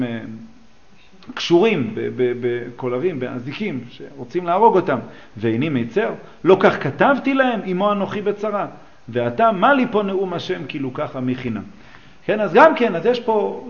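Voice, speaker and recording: A man with a fairly high voice that rises and falls a great deal teaches a religious class. He explains the texts line by line and stops to ask his listeners questions. The recording sounds dull and lo-fi. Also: creaky. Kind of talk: teaching a class on a psalm and midrash.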